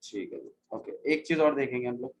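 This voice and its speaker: A man's voice: medium pitch, animated, fairly quick, poor audio. A male maths teacher giving a classroom lecture, repeating key phrases and quizzing his students as he goes.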